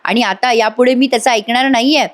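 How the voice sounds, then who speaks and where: A blunt middle-aged boss talking on the phone, put on by a woman narrator. He is curt and dismissive, and the voice sits fairly high. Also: fairly even intonation, a little fast, lightly acted.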